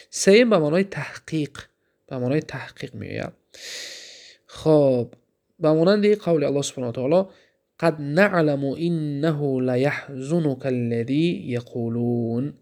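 Gravelly-voiced man teaching grammar. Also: a little high, a little mellow. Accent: Tajik. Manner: explaining, asks questions then answers them; recites Arabic examples slowly. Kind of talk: Arabic grammar lesson.

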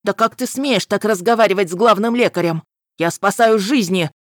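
A woman's voice: mid-range voice, moderate pace, no room sound, clean studio sound, close to an everyday voice. A woman voicing a pompous, self-important old male healer who shrieks indignantly in an audiobook.

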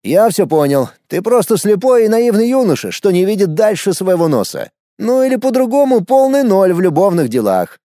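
A cocky, meddling young man who fancies himself an expert on women, as a male reader puts him on. His voice sits higher and swings lively as he needles and insists. The sound is dry and close, with a mellow darkness in tone. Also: moderate pace, few pauses, no echo. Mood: exasperated. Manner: sarcastic, insistent, teasing. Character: smug, nosy young man, self-styled ladies' expert.

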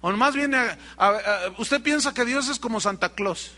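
A man's voice: extremely high pitch, moderate pace, pushed and bright. A middle-aged male pastor with a Mexican accent, preaching a sermon, telling a story and acting out the dialogue while speaking straight to his congregation. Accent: Mexican Spanish. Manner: storytelling, acts out quoted dialogue, addresses congregation directly.

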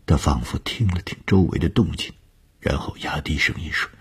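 A man reading a radio story as narrator, slow and hushed, often dropping almost to a whisper. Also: rumbling low, breathy edge.

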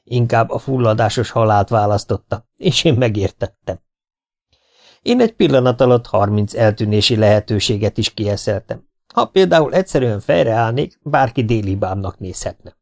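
Man reading an audiobook lively. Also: fairly low pitch, gravelly. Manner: lively, expressive, humorous reading. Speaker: audiobook reader. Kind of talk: scripted first-person narration.

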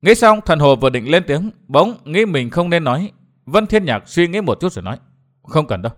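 A male audiobook narrator reading a martial-arts novel with expressive storytelling. His voice sits somewhat high and moves with a lot of lively pitch movement. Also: a little fast.

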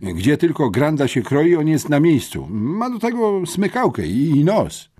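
A man doing a loud, crowing young policeman. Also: fairly high pitch, big pitch swings, measured pace, slightly rough, voice pushed up, exaggerated voice. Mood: vouching. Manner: loud, eager to vouch. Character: loud, slightly cockerel-voiced male policeman. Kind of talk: audiobook character voice.

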